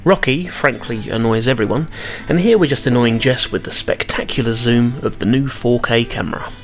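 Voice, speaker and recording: A man giving a scripted voice-over narration, explaining workshop steps in a measured, matter-of-fact way. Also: mid-range voice, faint music behind. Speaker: studio narrator.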